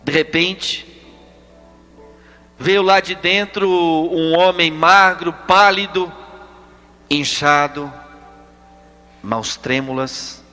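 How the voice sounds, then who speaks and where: High-voiced preacher with slow dramatic telling. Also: male voice, pushed and bright. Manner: slow, dramatic storytelling that rises to fervent appeals. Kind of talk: sermon with storytelling. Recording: long reverb, faint music behind.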